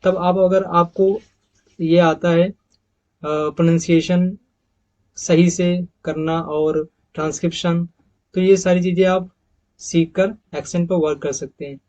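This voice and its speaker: A man teaching English pronunciation over slides, repeating each example word slowly and calling his viewers friends. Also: sits high, flat delivery, a little mellow, muffled recording. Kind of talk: slide-based pronunciation lesson.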